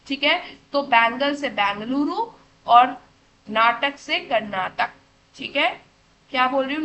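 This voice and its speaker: Poor audio with a little hiss or hum captures a woman's high-pitched, pushed, bright voice, touched with vocal fry. In this classroom lesson for children she asks questions and answers them herself, calls the kids "beta" affectionately, and keeps checking in with "theek hai."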